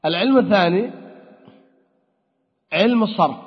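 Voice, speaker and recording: A man's voice: high voice, lively intonation, moderate pace, breathy edge. A man teaching Arabic grammar in a classroom lecture, explaining step by step and asking and answering his own questions. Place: lecture hall. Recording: dull, long-echo hall recording.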